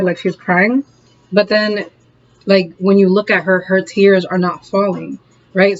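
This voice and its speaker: With a mid-range voice and the highs cut off, this tarot reader delivers a relaxed, upbeat reading to camera. They laugh often and chat freely, regularly checking in with viewers by asking "okay?" and "all right?".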